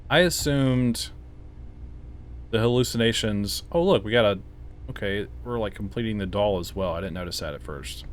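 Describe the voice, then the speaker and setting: A game reviewer plays a horror game and comments casually in a lowish voice at normal speed, thinking aloud and sounding puzzled, with startled yelps and laughs in this let's-play. There's a little hiss or hum in the audio.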